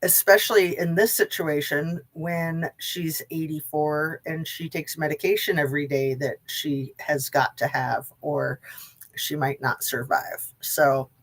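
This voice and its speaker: A woman's voice: deep voice, steady tone, a little slow, poor audio. A woman hosting a casual live true crime stream, chatting to viewers in a rambling way, her diction slightly impeded by braces and wax in her mouth.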